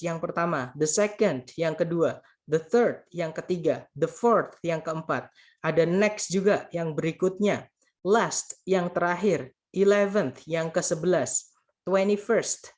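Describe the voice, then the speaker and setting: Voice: mid-range voice, darkish tone. A grammar tutor giving a casual spoken lesson, patiently repeating points and translating each example while addressing the listeners as friends.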